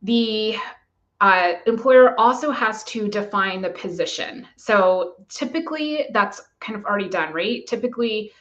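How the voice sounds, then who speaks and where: A woman immigration lawyer giving a measured, methodical explanation to camera. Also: mid-range voice, animated, a bit bright, dull audio.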